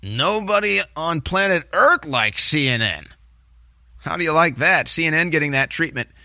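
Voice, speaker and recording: Bright-voiced American man, conspiratorial political rant. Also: fairly high pitch, lively intonation, moderate pace, no echo, studio quality. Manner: agitated, conspiratorial, distrustful. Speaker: talk show host. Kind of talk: opinionated political commentary rant. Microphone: close studio microphone. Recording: music bed behind the voice.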